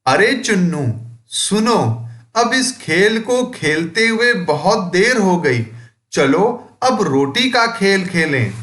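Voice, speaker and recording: A man teaching a school lesson, reading a play aloud and explaining it slowly and deliberately, drawing out words to show their sounds. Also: high voice, big pitch swings, fairly bright tone, reverberant.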